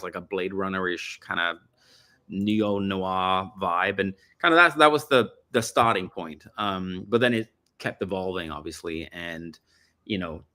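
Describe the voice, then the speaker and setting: A man's voice: deep voice, pushed and bright. A middle-aged man from Denmark, a musician guest chatting casually in an interview, rambling and correcting himself as he goes. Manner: rambling, self-correcting storyteller.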